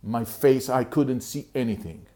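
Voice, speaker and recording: A middle-aged Israeli motivational speaker tells his personal life story to the camera, earnest and halting, often repeating and restarting phrases. His voice is medium in pitch with a darkish tone.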